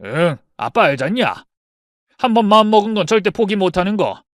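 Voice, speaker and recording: A man acting out a cheerful, stubborn retired father, coaxing and fond in a narrated story drama. His voice sits fairly high for a man and swings widely in pitch. The sound is close and dry. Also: sing-song, moderate pace, no echo.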